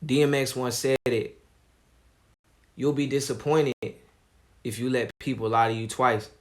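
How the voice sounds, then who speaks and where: A man streaming live, talking casually in a calm, laid-back way with plenty of slang. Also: medium pitch, a little slow. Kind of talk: casual livestream commentary.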